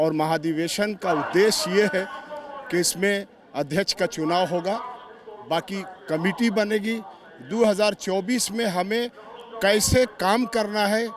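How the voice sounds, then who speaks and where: High-voiced man making emphatic political declarations. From Giridih, Jharkhand, India. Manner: emphatic, rally-style declarations. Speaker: party official. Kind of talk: political interview answers. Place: outdoors at a party convention.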